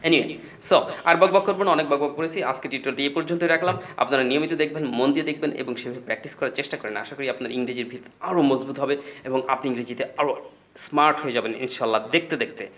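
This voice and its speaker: A man's voice: mid-range voice, fast, fairly bright tone. A man teaching a spoken English lesson, explaining patiently and repeating words as drills.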